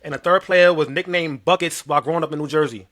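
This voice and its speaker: A man's voice: a little high, quick pace, fairly bright tone. A man co-hosting a casual podcast chat, explaining a game loosely and repeating himself as he goes. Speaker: podcast host.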